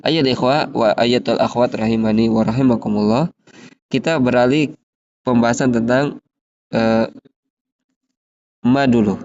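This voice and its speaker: A man, teaching an Arabic lesson, reading example phrases slowly and explaining them patiently. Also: mid-range voice, dull audio. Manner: slow, drawn-out drill reading of example phrases, then steady explaining.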